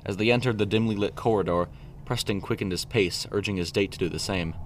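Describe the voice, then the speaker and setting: Male narrator for a storybook reading: deep voice, steady and even delivery, faint noise behind him. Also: brisk.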